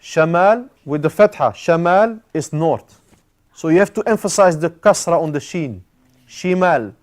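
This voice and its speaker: A man with a slightly higher voice, teaching an Arabic grammar class. He explains step by step, repeats key words and pauses often on "uh". Arabic terms run through his talk. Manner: halting, with frequent "uh" fillers, mixing in Arabic terms.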